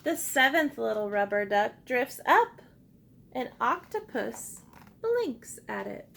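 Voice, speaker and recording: A woman teacher reads a picture book aloud to young children in a high, creaky voice, never rushing. Expressive and encouraging, she asks them simple questions and leads call-and-response moments throughout.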